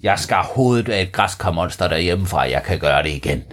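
A man's voice: sits low, lively intonation, fairly bright tone, a little hiss or hum, voice pushed down. A man voicing a brave, boastful boy hero in a children's story, defiant and eager.

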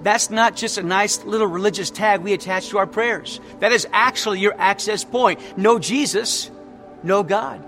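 A man's voice: sits high, moderate pace, sharp tone, soft background music. A man preaching a sermon, emphatic and repeating his key phrases as he tells stories. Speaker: pastor.

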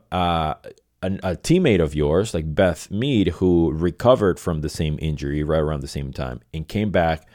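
A man's voice: sits low, darkish tone, dry recording, studio quality. A middle-aged man from Venezuela hosting his own podcast, talking loosely and correcting himself as he goes. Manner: rambling, self-correcting, repeats phrases. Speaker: podcast host. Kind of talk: casual solo podcast monologue.

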